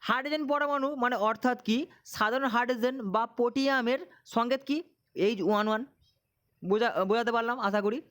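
A man's voice: very high voice, steady tone, fast talker, a bit bright, clear, resonant tone. A man teaching an exam-prep lesson, drilling questions and answers and repeating himself to check students follow.

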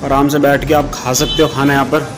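A young food vlogger tours a small restaurant, holding his phone at arm's length, speaking in a brisk, flat, mid-range voice. The recording is low quality with music in the background, and he chats casually, calling his viewers "brother."

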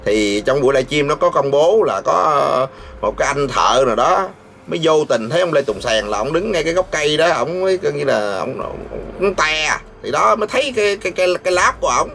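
A man's voice: fairly high pitch, sing-song, brisk, vocal fry, a bit bright, slight background noise. Scolding vlogger man. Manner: sarcastic, scolding, laughs mid-sentence. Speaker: vlogger host. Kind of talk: mocking commentary rant.

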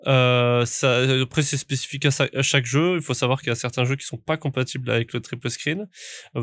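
A man talks through a racing setup tutorial, stopping and restarting his sentences. His voice sits at a middle pitch. It is recorded dry and close on a desk microphone at home. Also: dry recording. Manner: rambling with many fillers and restarts. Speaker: sim racing YouTuber. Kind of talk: casual tutorial walkthrough. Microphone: studio microphone at a desk.

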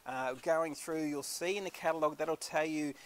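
A man's voice: fairly high pitch, fairly even intonation, moderate pace, slight background noise. A man walking through a warehouse, talking up auction stock in chatty, upbeat sales patter. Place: carpet warehouse, indoors. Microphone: handheld camera, filming while walking.

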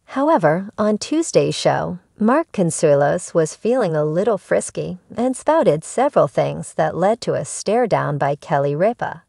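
A woman reading scripted entertainment news narration in even, formal sentences. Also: on the low side, unhurried, creaky, hardly any pauses, dry recording, studio quality.

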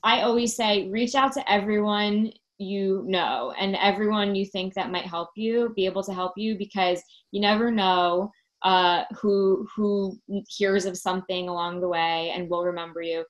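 A woman in her thirties, a talent producer, appears as a guest in a casual video-call interview from a room at home, friendly and upbeat and full of fillers. Her medium-pitched voice is steady and moderately paced, and the laptop webcam mic makes it sound muffled.

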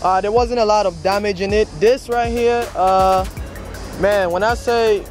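Soft music plays as a young man in his twenties, camera in hand at arm's length, tours an outdoor car auction lot and dishes out hustle advice, peppering it with "man" and "bro." His high-pitched voice stays fairly even and measured.

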